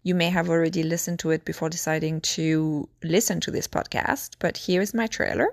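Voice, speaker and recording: A woman hosting her own podcast in casual solo chat, slightly hoarse from losing her voice, talking in a chatty, reflective way and listing her points one by one, recorded on a phone. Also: low-pitched, steady tone, fairly quick. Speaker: podcast host.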